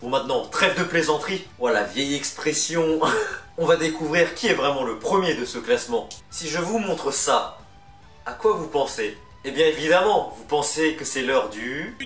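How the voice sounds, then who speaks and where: This ranking host has a fairly high, fairly bright voice and an animated delivery at a moderate pace. His commentary is casual, chatty and full of opinions, recorded on a distant mic in a roomy space with music underneath.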